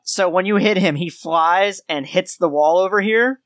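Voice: mid-range voice, moderate pace, dry recording. A game master narrating a tabletop game in an informal, descriptive way.

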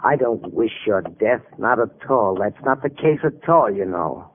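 Mad, pompous scientist, wildly swooping. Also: male voice, fairly low pitch, animated, unhurried. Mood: cryptic, ominous. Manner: pompous, theatrical, haughty. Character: deranged, grandiose male scientist confined in a sanatorium. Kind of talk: 1940s radio drama acting. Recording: tinny, hissy vintage radio recording.

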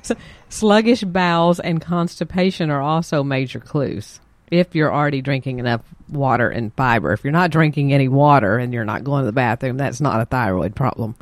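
A woman co-hosting a health talk, explaining symptoms in a measured way. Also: a bass voice, no echo. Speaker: co-host.

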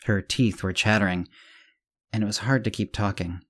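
Man reading a serial story, slightly low. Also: steady tone, fairly bright tone. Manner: measured reading with small self-corrections. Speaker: host and narrator. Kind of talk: scripted narration of a serial story.

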